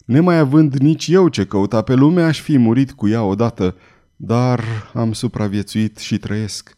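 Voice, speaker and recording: A man's voice: mid-range voice, mellow, lightly acted. A man reading an audiobook, voicing a brooding, vengeful swordsman with a stern, menacing delivery. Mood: grim.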